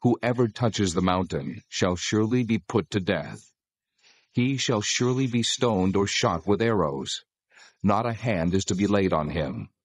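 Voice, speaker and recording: In a dramatized scripture, a male actor plays God as a solemn, commanding lawgiver. He speaks in a measured, authoritative manner with a husky, lowish voice, and there is no room sound.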